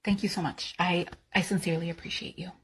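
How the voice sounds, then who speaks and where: A woman's voice: fairly low pitch, fairly even intonation, fast, breathy edge. A woman playing a hesitant office manager who asks favors in a workplace comedy skit, speaking politely and tentatively. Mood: polite, awkward.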